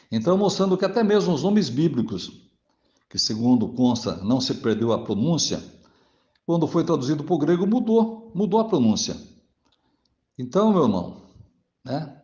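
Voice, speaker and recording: A man's voice: medium pitch, a little mellow. A man, a Jehovah's Witness answering a pastor in a recorded monologue. He speaks formally to the listener, often adds "né?" to his sentences, and reads scripture passages aloud. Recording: dull, lo-fi audio.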